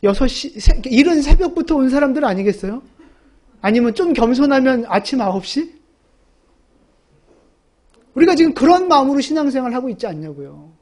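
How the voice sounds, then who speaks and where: A woman's voice: high-pitched, very animated, moderate pace, long pauses, a little mellow. A woman pastor preaching a sermon, emphatic and asking the congregation rhetorical questions.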